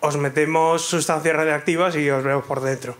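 A man's voice: fairly high pitch, fairly even intonation, brisk, noisy background. A man from Spain, a guest on stage, answering questions with many hesitations into a handheld mic. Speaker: audience guest, doctor. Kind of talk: onstage interview. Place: theater stage.

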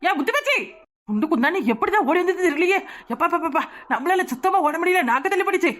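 A woman's voice: very high voice, big pitch swings, quick pace, a bit bright, full character voice. A woman voicing a skinny, scolding village friend in a comic cartoon, with a Kanyakumari Tamil accent. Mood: breathless. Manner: scolding, mocking, lecturing.

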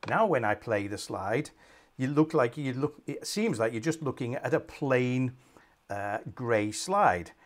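In a small home office, a middle-aged man calmly presents a screen-recorded tutorial for some software. His voice sits at medium pitch, he's unhurried, and frequent ums pepper each step.

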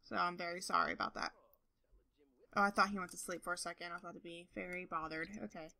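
Young adult woman, bright voice, casual chatty gameplay commentator who gets excitable. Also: fairly low pitch, fast talker. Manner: chatty, talks to game characters, excitable outbursts. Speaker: gaming video host.

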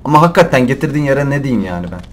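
A young man commentating a survival game in Turkish, shouting and cursing at the animals and laughing often. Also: mid-range voice, very fast, a little hiss or hum. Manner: excitable, swears and yells at the game, laughs often. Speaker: gameplay commentator. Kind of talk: let's play commentary.

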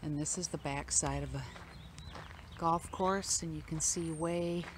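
A woman's voice: low-pitched, fairly even intonation, unhurried. A woman, chatting casually as she films a hiking trail and points out views. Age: 60s. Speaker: hiking vlogger. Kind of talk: casual narration while hiking. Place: outdoor hillside trail. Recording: loud wind and outdoor noise.

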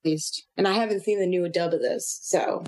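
A woman's voice: lowish voice, moderate pace, a little mellow. A woman joining a podcast conversation, casual and hesitant, with frequent fillers. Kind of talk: casual chat.

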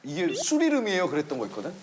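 A man hosting a variety show with casual banter, excitable and prodding others with questions. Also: fairly high pitch, rapid-fire, a crowd in the background.

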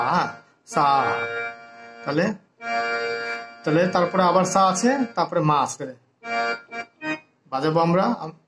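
A man's voice: fairly high pitch, a bit bright. A man teaching harmonium step by step, patiently explaining the notation and singing note names as he plays. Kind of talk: step-by-step music lesson. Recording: echoey room with harmonium playing.

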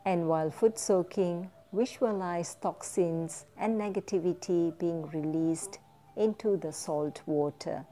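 Slow, mellow woman guiding a meditation. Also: fairly low pitch, a little hiss or hum. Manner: slow, gentle, step-by-step instructions. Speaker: meditation teacher. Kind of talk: calm instructional guided meditation.

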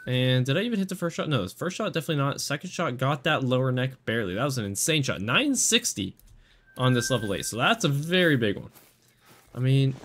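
Excitable man commenting on gameplay. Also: mid-range voice, a little hiss or hum. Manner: excitable, talks to himself while aiming. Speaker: gaming channel host.

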